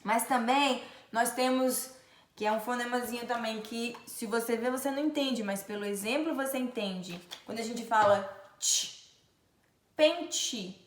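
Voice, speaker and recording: A woman's voice: fairly high pitch, echoey room. A woman from Brazil with a Brazilian accent, teaching letter sounds in a pronunciation lesson and stretching out each example. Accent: Brazilian Portuguese. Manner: slow, drawn-out demonstration of sounds. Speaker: Portuguese teacher.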